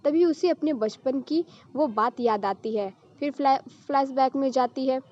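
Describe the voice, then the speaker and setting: A woman reading a scripted family story aloud as the storyteller, at an even storybook pace, on a dull lo-fi recording. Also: sits high, a little slow.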